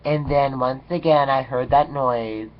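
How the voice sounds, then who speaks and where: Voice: mid-range voice, steady tone, unhurried, lo-fi sound, noisy background. A vlogger telling a story in a sassy, dramatic way, swearing freely and tossing in "okay" between lines. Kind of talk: casual storytelling rant.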